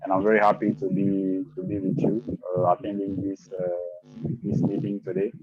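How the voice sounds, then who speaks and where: A man from Ivory Coast with an Ivorian accent, introducing himself informally and haltingly, repeating words as he goes. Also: low-pitched, monotone, narrow, tinny audio, a crowd in the background. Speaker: first-time guest at a meeting.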